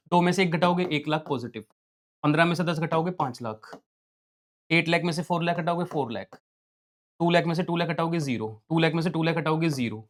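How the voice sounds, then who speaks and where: A man teaching accountancy in an online lesson, reading out numbers as he writes and firing quick questions that he then answers himself. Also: fairly high pitch. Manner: talks while writing, reading out numbers. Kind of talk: online lesson, solving on a board.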